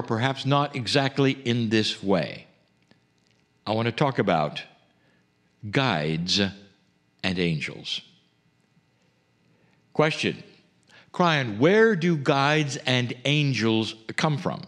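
A man delivering a channeled spiritual message as a solemn address, deliberate and oratorical, with weighty pauses. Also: mid-range voice.

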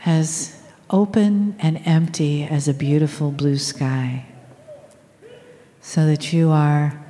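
Reverberant hall, woman, mellow soft voice, guided meditation, extremely slow, long soothing pauses. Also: sits low. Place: large room with people present.

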